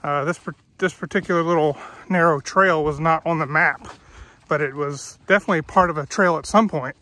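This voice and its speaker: A fairly high-pitched man with a sharp tone talks a little fast while narrating his family's hiking vlog. Chatty and pointing things out as he walks a trail in a coastal park, he's a family vlogger, and the recording has no room sound.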